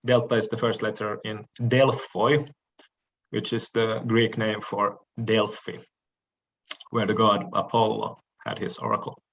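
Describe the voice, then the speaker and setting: A man delivering a recorded lecture in a slow, deliberate way, often stopping on hesitant fillers. His voice sits a little low, and the recording sounds dull and lo-fi. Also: flat delivery, fairly bright tone. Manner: measured, frequent "uh" pauses, occasional throat clearing.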